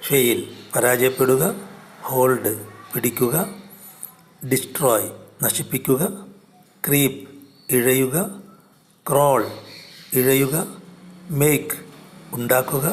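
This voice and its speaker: A man with a Malayali accent teaching English grammar online, reading word lists one at a time with pauses. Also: mid-range voice, slight background noise. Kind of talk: slow, deliberate grammar lesson.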